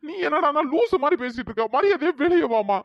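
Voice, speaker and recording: A voice actor playing a desperate young husband in a cartoon drama, pleading and wailing in a pitch-raised voice. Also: animated, fairly quick, highs cut off. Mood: exasperated.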